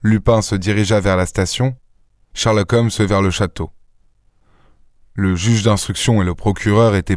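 A man reading a literary story aloud in a measured narration, recorded on a close studio mic. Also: lowish voice, a little mellow, no room sound. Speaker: audiobook reader. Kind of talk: scripted narration.

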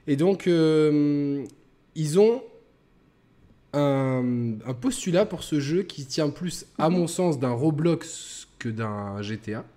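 A man's voice: lively intonation, slow pace, dark tone. Joking man hosting a gaming chat show. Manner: joking, mock-reads a sarcastic pitch. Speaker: podcast host.

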